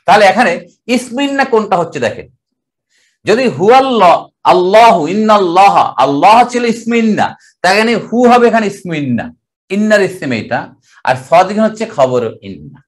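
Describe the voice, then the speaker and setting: An older man from Bangladesh teaching Arabic grammar in a classroom lecture, explaining step by step and drawing out the Arabic words slowly. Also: high-pitched, very animated.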